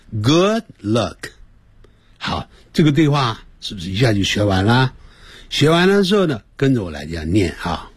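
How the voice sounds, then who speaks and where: Male radio English teacher, husky, lively pitch, slow drilling of words. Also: dry recording. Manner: drills pronunciation slowly, drawing words out; switches between explanation and example phrases. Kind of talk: radio language lesson.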